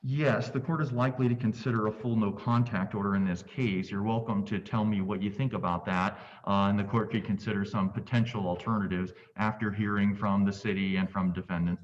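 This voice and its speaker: A man presiding as judge over a virtual court hearing, speaking in a measured, polite, procedural way. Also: on the low side, fairly even intonation, slight background noise. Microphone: video call. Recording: muffled distant video call audio.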